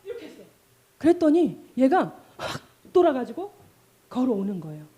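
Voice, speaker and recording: A middle-aged woman preaching a sermon in a high, very lively voice that swoops up and down. Her tone is mellow rather than bright. She tells stories with energy, acting out calls and cries, and keeps asking the congregation questions. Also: normal speed, slightly rough. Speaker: pastor.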